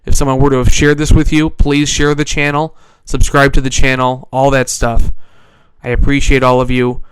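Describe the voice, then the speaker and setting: A man's voice: mid-range voice, completely flat delivery, moderate pace, clear, resonant tone, dry recording, low-quality recording. A man casually introducing a video as the host of a channel, speaking close to the mic.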